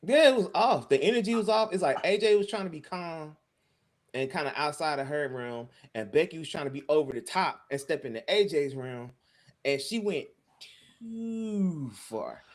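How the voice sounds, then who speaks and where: A man's voice: fairly high pitch, a little fast. A man co-hosting a livestream over a video call, joking around and trash-talking in casual chat. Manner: animated, joking trash talk. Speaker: livestream co-host.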